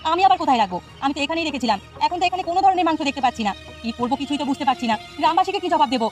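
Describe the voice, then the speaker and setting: A woman's voice: high voice, animated, rapid-fire, faint music behind. Woman as a fretful scolding housewife. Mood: alarmed.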